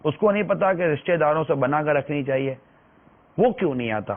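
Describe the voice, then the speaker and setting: Male preacher, slightly high voice, earnest pleading delivery, tinny phone-line sound. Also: lively intonation. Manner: earnest, pleading, repeats phrases. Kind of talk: religious talk.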